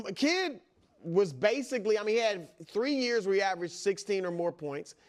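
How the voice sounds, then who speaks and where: A man co-hosting a studio sports debate, laying out his view in a measured way and agreeing often. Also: high voice.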